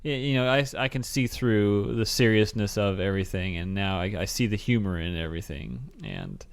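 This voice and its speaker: Lowish guy, wry film chat, voice goes all over. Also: animated, normal speed, creaky, smooth, no echo. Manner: wry, laughs while telling. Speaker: podcast co-host.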